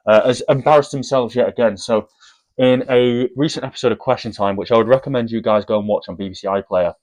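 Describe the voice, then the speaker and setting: A man's voice: medium pitch, fast, a little mellow, low-quality recording. A man giving opinionated commentary to viewers, with frequent restarts and repeated words. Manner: hesitant, repeats words, addresses viewers as guys. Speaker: commentary vlogger.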